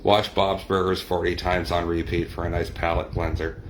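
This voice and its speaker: Middle-aged male streamer, deep register, loose discursive chat to a live audience. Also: level tone, moderate pace, a little hiss or hum. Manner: rambling, discursive. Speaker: livestream host and poet. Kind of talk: casual chat with live viewers.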